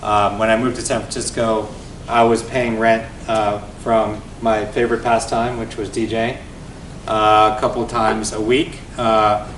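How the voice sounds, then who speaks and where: Unhurried and fairly low in pitch, a forties-aged guest speaker and venture investor shares his founder tale with an audience at an event. His manner is lively and chatty, with frequent "right?" check-ins, recorded on a far-off, roomy mic with slight background noise.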